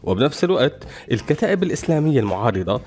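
A man's voice: mid-range voice, sing-song, racing, darkish tone. A man with a Syrian Arabic accent hosting a radio show, giving wry, explanatory satirical commentary from a script. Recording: music behind the voice.

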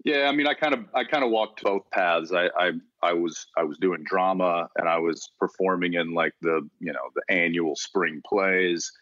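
A man from Texas, an actor being interviewed, talking in a relaxed, rambling way with frequent restarts. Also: low voice, moderate pace, hardly any pauses, no echo, muffled recording. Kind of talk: casual interview conversation.

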